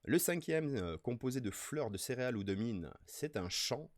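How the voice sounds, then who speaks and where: A man with a French accent hosting a casual nature live stream, playful and excitable as he reads the chat aloud. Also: mid-range voice, normal speed, no room sound. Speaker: streamer host.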